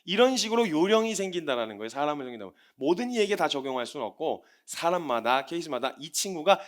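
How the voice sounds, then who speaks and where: Brief: male missionary preacher, sermon delivery, fast, high-pitched, acts out scenes. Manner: animated, acts out everyday scenes.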